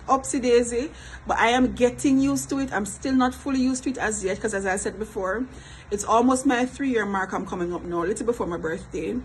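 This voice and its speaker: Jamaican mom vlogging, talks kinda high, laughs a lot, faint hum behind. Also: female voice, rough recording. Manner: chatty, repeats herself, laughs often. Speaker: vlogger, mother. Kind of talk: casual vlog talk.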